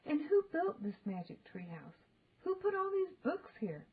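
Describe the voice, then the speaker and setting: A woman's voice: high voice, sing-song, a little slow, narrow, tinny audio, voice pushed up, exaggerated voice. A woman voicing an earnest, cautious young boy in a children's storybook, with a questioning manner. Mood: puzzled.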